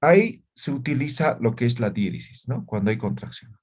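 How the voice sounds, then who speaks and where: A man's voice: mid-range voice, lively intonation, normal speed, darkish tone. A man teaching an online language class over a video call, who checks in often with short questions.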